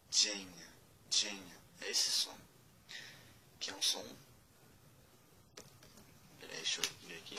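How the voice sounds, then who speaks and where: Male tutor, unhurried, spells and repeats, a touch low, faint room hum behind. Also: sharp tone, poor audio. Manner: slow and deliberate, spelling out letters and repeating words. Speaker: language teacher. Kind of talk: casual spoken lesson.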